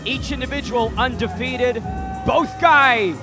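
A man's voice: very high voice, slow, music in the background, crowd noise. A man doing live play-by-play commentary on a fight.

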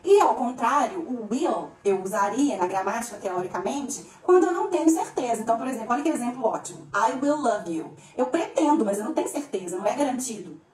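A woman teaching English grammar to Portuguese speakers, lively, slowing down to spell out each English example. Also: on the high side, recorded from a distance, crowd noise. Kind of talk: explaining grammar to camera. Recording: echoey room, a bit off-mic.

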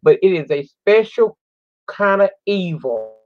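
A woman's voice: mid-range voice, animated, a little slow, darkish tone, dry recording. A woman hosting a crime news channel, reading an article aloud and adding emphatic, indignant commentary, sometimes stumbling and restarting as she reads. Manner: emphatic and indignant, repeats words for stress. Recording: dry, dull lo-fi recording.

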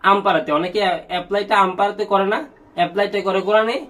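A man teaching Quran recitation rules in an online lesson, asking and answering his own questions and chanting sample words slowly. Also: high voice, steady tone, a bit bright.

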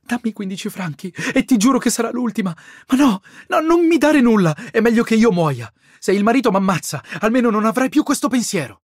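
A man's voice: high-pitched, big pitch swings, brisk, no echo, clean studio sound, voice pushed up. Man doing a tearful, theatrical teenage boy. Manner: pleading, tearful, theatrical outbursts. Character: impulsive seventeen-year-old boy, emotional schemer.

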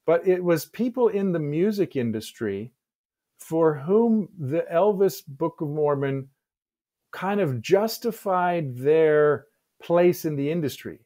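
A middle-aged man answering interview questions on a video call, speaking in a measured, thoughtful way with frequent restarts, on a headset mic in a home office. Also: fairly high pitch, lively intonation, warm tone. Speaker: guest historian.

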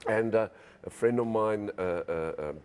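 A man's voice: fairly low pitch, moderate pace, a little mellow, slight background noise. A middle-aged man with a Namibian accent, hosting a casual interview chat. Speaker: talk show host. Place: small indoor lounge set, seated on a couch.

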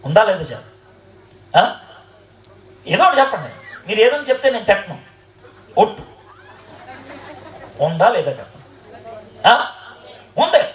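High-voiced man preaching in an echoey hall. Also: a little slow, long pauses, some chatter behind, a little hiss or hum. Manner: lively, quizzes the audience and jokes with them. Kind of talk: sermon. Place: hall with an audience. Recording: roomy echoing hall.

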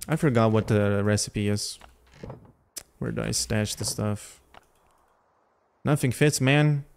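A man's voice: lowish voice, slow, vocal fry, a little mellow, clean tone. A man from Lithuania, casually commenting on gameplay and chatting with his viewers. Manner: chatty, thinking aloud, talks to chat. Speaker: gaming livestreamer.

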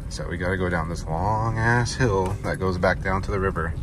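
A young man narrating a casual vlog while driving a truck on snowy forest roads, talking in a relaxed, rambling way. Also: low voice, moderate pace, over music. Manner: relaxed, rambling, thinking aloud. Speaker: vlogger. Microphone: phone camera. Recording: vehicle and outdoor noise behind.

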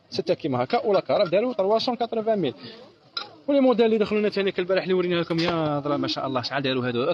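A man running a live sales pitch as a shop seller, repeating each price over and over. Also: a little mellow, muffled recording.

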